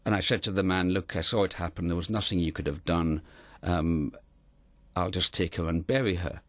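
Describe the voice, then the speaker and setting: A middle-aged man from Scotland, telling a personal story in an earnest, measured way as an interview guest. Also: low voice, steady tone, no echo.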